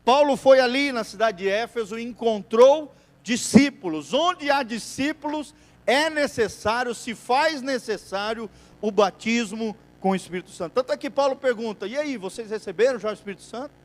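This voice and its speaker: In a church, a pastor with a Brazilian Portuguese accent and a very high-pitched voice preaches at normal speed, calling for "amém" from the congregation. He swings between loud, emphatic bursts and quieter passages.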